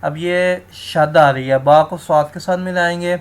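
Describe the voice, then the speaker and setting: A man teaching Quran recitation rules, explaining each rule and then slowly sounding out words to demonstrate, often turning to his viewers as friends. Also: on the high side, steady tone, clean tone. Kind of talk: tajweed lesson, explaining and demonstrating.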